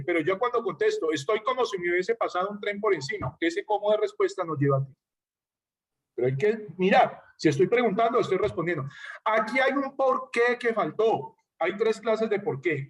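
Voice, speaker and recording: Male writing teacher, higher voice, online lecture, mic a bit distant. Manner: explains patiently with spoken examples, checks in with "¿ya?".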